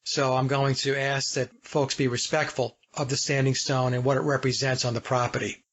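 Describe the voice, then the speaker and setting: A man from the United States hosting a podcast, speaking deliberately, guiding the talk and addressing his listeners directly. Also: mid-range voice, flat delivery, fairly bright tone. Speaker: podcast host. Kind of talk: casual podcast interview. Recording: dull lo-fi audio.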